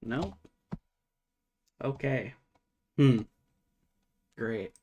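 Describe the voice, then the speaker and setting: A man's voice: mid-range voice, very slow, mellow, muffled recording. A man streaming live while programming, thinking aloud in a casual, muttering way and swearing now and then.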